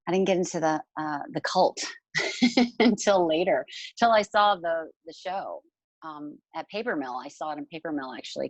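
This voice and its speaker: Low-voiced chatty woman on a video call. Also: no echo, low-quality recording. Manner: chatty, rambling with many fillers. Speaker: musical theatre actress. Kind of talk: casual Q&A chat.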